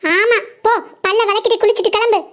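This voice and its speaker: A woman voicing a sharp-tongued mother who nags and scolds her schoolgirl daughter. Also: extremely high pitch, steady tone. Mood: scolding. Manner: nagging, quick rebukes.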